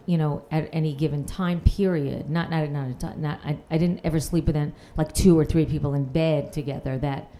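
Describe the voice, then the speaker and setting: A woman's voice: sits low, fairly even intonation, a little fast, few pauses, warm tone. A woman from Queens doing a dry, self-mocking stand-up set on a comedy panel show. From Queens, New York. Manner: dry, self-mocking, reads messages aloud with sarcasm. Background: audience laughter.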